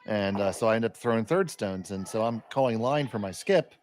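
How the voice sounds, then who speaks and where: A man's voice: on the low side, animated, fairly quick, darkish tone. A man doing live curling commentary in a chatty way, adding anecdotes between the shots.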